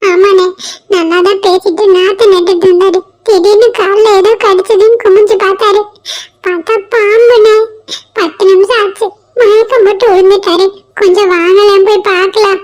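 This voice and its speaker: A woman voicing a young village boy who runs to bring urgent news, pleading and hurried. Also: extremely high pitch, steady tone, a little mellow. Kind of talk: cartoon voice acting.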